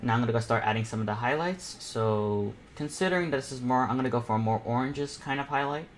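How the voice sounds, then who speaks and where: Hosting an informal painting lesson, a teenage or young adult self-taught artist talks fast and off the cuff in a medium-pitched voice, circling back to repeat phrases as he works. A little hiss or hum sits in the audio. His casual, encouraging delivery feels like a peer showing others the ropes.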